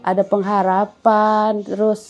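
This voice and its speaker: A middle-aged woman tells her story in an interview in an easy, chatty way. She rambles earnestly, stops to search for words and restarts her sentences, and her voice sits at an ordinary middle pitch. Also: level tone, a little slow, a little mellow, dull audio. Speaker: interviewee giving a testimony. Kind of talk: casual spoken testimony.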